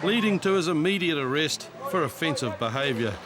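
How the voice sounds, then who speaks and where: A man's voice: on the high side, expressive, fairly quick. New Zealand male narrator over street noise. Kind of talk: scripted reality TV narration. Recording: street and traffic noise behind.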